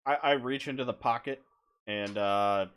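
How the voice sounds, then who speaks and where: A man's voice: medium pitch, normal speed, a bit bright, clear, resonant tone. A man playing a tabletop game with dry, offhand humor. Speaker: player.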